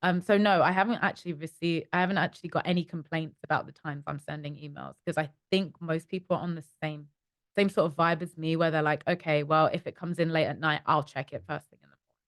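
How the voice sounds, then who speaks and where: A woman's voice: low-pitched, quick pace, no echo, clean studio sound. A young woman from East London with a London accent, telling stories in a casual interview as a company co-founder. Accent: London English. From East London, England. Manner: chatty, animated storytelling with acted-out inner voices. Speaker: startup co-founder, guest.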